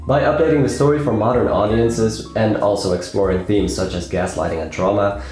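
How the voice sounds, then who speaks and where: A man's voice: fairly low pitch, dark tone. A young man casually talking about films, rambling with many fillers and repeated words. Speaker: film review vlogger. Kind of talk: casual film talk. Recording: very echoey room.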